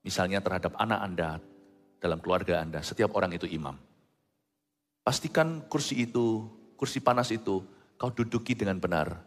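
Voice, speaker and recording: A man preaching a sermon as a pastor, talking in an animated way and mixing in English phrases. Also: low voice, fairly quick, pauses often. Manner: animated, mixes English phrases, acts out quotes. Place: church hall. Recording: reverberant hall with faint music.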